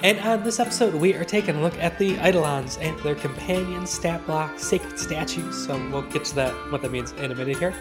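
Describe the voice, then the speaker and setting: A man's voice: a little high, a little fast, few pauses, music in the background. A man hosting a podcast, chatting casually about tabletop fantasy gaming. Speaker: podcast host.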